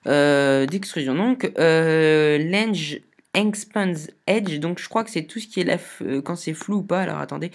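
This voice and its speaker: A woman talking through a software tutorial in a casual, chatty way, explaining step by step and often hesitating. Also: deep voice, vocal fry. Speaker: video tutorial maker.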